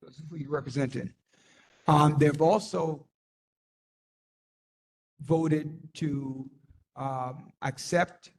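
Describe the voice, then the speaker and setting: A man chairing a community board meeting, halting and full of ums as he calls people forward and runs a vote. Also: a little high. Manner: halting, many ums and restarts.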